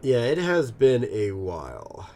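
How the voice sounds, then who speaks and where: A man's voice: medium pitch, huge pitch swings, slow pace, dark tone, a little hiss or hum. A man in his thirties giving rambling, casual let's-play commentary, full of ums and self-amused laughs. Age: 30s. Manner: rambling, filler-heavy, laughs at himself. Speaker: gaming channel host.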